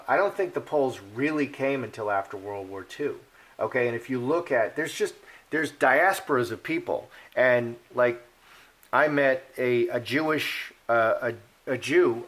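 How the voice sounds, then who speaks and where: A man of Polish heritage with a medium-pitched, fairly bright voice reads playing cards and comments on them. His casual monologue rambles and is opinionated, packed with fillers and restarts.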